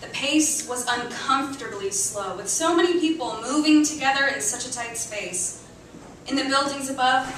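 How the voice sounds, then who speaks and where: A reader at a live literary event performs a story with expressive drama, voicing chants and dialogue before a cafe audience. Her voice is high and bright, captured by a distant mic in a very echoey room with faint noise.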